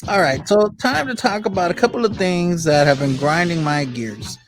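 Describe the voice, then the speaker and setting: A man with a slightly high voice chats and gripes like a laid-back talk show host, leaning on slang and rhetorical questions. Music plays underneath him. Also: expressive, normal speed. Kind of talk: casual chat and ranting about pet peeves.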